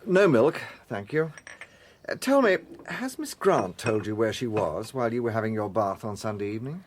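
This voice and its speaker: An actor playing a shrewd, courteous British gentleman police inspector in a radio drama, measured and dryly authoritative. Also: lowish voice, very animated, a little hiss or hum. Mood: probing.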